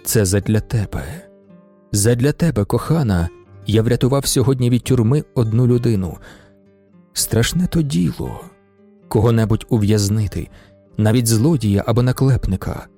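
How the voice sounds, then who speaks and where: Man doing a calm dry sarcastic merchant, low and dark, gravelly. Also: moderate pace, soft background music, natural voice. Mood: tender. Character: cool, dry, sardonic middle-aged merchant.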